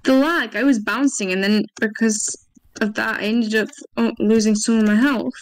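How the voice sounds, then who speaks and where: A woman's voice: a little high, steady tone, moderate pace, low-quality recording. A woman chatting laid-back while playing a video game, teasing her friend. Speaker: gamer. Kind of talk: casual gaming chat.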